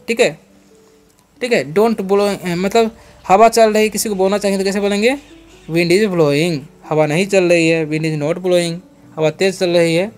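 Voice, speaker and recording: A man's voice: high voice, darkish tone. A man teaching English words, spelling each one letter by letter and repeating every meaning as a drill. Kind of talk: phonics and vocabulary lesson.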